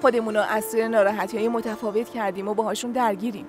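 A woman's voice: fairly high pitch, fairly even intonation, close to an everyday voice. An actress dubbing a young woman who talks frankly and earnestly with her older sister. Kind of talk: Persian dub of a TV drama. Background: music score.

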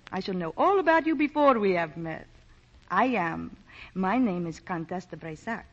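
An actress playing a flirtatious, teasing aristocratic countess in 1940s radio acting. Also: female voice, medium pitch, lively intonation, normal speed. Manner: coquettish, teasing. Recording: dull 1940s radio broadcast.

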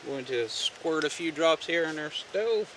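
A man casually showing a homemade camp stove outdoors, talking in a relaxed, folksy way with many fillers. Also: a little high, a little slow, recorded from a distance, slight background noise. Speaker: outdoor gear vlogger. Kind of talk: casual how-to demonstration. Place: outdoors on the ground, off camera.

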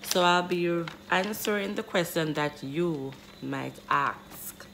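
Low-voiced twenty-something woman chatting to her phone in her bedroom, slow and rambly, faint hiss behind. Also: vocal fry, a bit bright. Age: 20s. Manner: chatty, addresses viewers as guys, rambling restarts. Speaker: vlogger. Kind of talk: casual vlog talking to camera. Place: small bedroom indoors. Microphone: phone camera close up.

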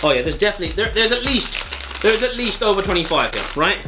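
A man's voice: sits high, very animated, fast talker, music in the background. A man in his thirties hosting a video, chatting casually to camera. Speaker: video channel host. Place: small indoor room with display cabinets, seated at a desk.

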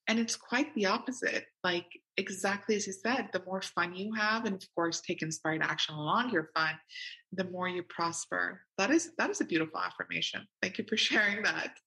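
A woman's voice: mid-range voice, sharp tone, low-quality recording. A woman hosting a coaching podcast, enthusiastic and affirming as she chats with her guest. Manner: enthusiastic, affirming, laughs often. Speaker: podcast host. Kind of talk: casual interview chat.

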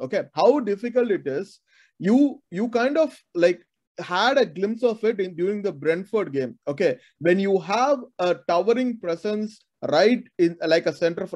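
A man's voice: sits high, darkish tone. A man with a Tamil accent debating as a football fan panelist, emphatic and full of rhetorical questions, mixing two languages. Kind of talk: animated debate in mixed Tamil and English. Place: video call.

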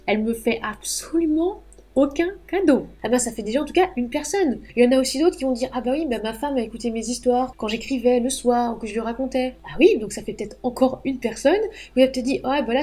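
A woman talks to camera about writing in a chatty, emphatic way, full of frank asides. Her voice sits fairly high but sounds dark and mellow rather than bright. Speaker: writing advice youtuber. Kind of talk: casual advice monologue to camera.

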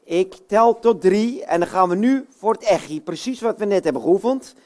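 A puppeteer talking warmly to children before a show, coaxing them with many little questions. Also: mid-range voice, animated, moderate pace. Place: bookshop, indoors.

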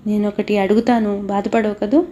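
A woman's voice: medium pitch, level tone, normal speed, mellow, a little hiss or hum, close to an everyday voice. A woman reading the part of an anxious, earnest man, an uncle figure pressing for the truth. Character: anxious older male guardian, uncle figure.

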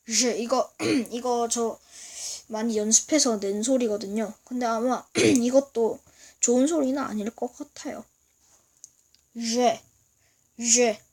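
Slow, halting woman teaching a lesson. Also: a little high, a little mellow. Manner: slow, halting explanation with frequent throat clearing. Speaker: language teacher. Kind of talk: casual video lesson. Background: noise from outside.

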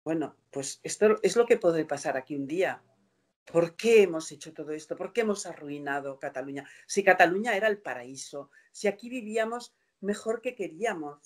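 A woman's voice: on the low side, lively intonation, moderate pace. Indignant older woman on a video call. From Spain. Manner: passionate, indignant, rhetorical questions. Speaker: interview guest. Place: room at home.

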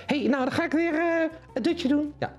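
A man doing a high, whiny puppet fellow. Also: normal speed. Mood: sleepy. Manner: whiny, repeats everything back. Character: sleepy, stubborn puppet fellow hiding in a suitcase. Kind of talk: puppet show for children.

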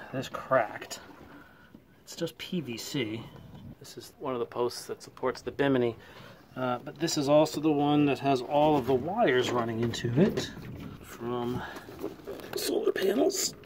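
A man's voice: mid-range voice, measured pace, pauses often, a little hiss or hum. Man narrating a solo sail. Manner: relaxed, chatty, thinking aloud. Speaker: sailing vlogger. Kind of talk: casual narration while sailing solo. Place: outdoors on a sailboat deck.

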